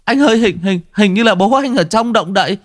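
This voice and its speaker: A man's voice: high voice, brisk, soft background music, voice pushed up, close to an everyday voice. A man voicing terrified young village men carrying a coffin, stammering in panic. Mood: panicked.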